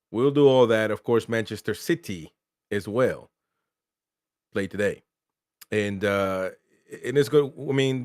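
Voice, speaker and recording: A man hosting a live football match reaction show, talking in an emphatic, excited way with repeated exclamations. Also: fairly low pitch, dry recording, studio quality.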